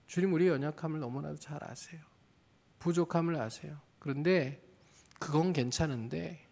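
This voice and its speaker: Male pastor, earnest sermon, slightly raised pitch, questions the congregation. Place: church.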